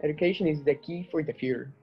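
A teenage boy from Colombia, whose first language is Spanish, speaks calmly and plainly to a webcam. The sound is a little dull and muffled. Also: a little high, quick pace, slightly rough, faint music behind. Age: teens. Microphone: laptop webcam.

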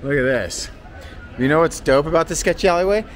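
A man's voice: on the high side, lively intonation, brisk. A man talking casually as a travel vlogger, walking city streets and pubs with a handheld camera. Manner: casual, chatty, slangy. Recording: street crowd and music behind.

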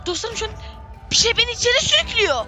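Young gamer, squeaky and shrill, very high and bright, frantic play-by-play. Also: very animated, rapid-fire, soft background music. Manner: frantic, repeats phrases over and over. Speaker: gaming streamer. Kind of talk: excited gameplay commentary.

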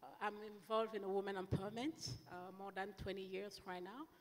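Woman, from the Congo, halting speech, handheld mic, echoing hall. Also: mid-range voice, steady tone. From Democratic Republic of the Congo. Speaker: panelist, entrepreneur. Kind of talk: self-introduction on a panel. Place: large conference hall. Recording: long hall reverb.

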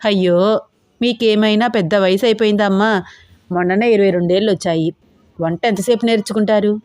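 A kindly household maid who fusses in a motherly way, as a woman puts her on. She speaks at a middle pitch. The sound is dry and close. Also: steady tone, brisk, a little mellow, dry recording, close to an everyday voice. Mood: fussing. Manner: fussing, motherly.

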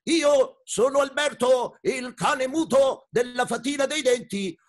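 A man voicing a wise, gentle male dog in a children's story, who barks between his words. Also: very high-pitched, takes it slowly. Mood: cheerful. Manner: barks "wow, wow" between every few words.

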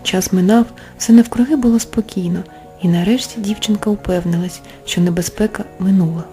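A woman narrates a bedtime fairy tale with a mellow, warm tone and an expressive, animated delivery. Soft music runs quietly under her voice. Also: mid-range voice, fairly quick. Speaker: author reading her own tale. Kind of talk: storybook narration.

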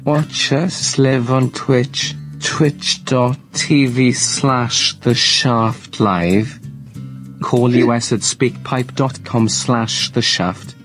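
A synthetic text-to-speech male robot voice reading a show outro in a flat, depressed-sounding way. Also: mid-range voice, extremely slow, soft background music, rough recording. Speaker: automated outro announcer.

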